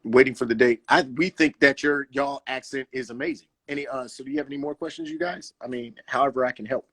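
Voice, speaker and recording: A man in a relaxed guest conversation with a mid-range voice. He talks with a lot of animation, often restarts his sentences and keeps checking in with "you know what I'm saying". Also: medium pitch, fast talker, slightly rough. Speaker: guest roller skater. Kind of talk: casual conversation.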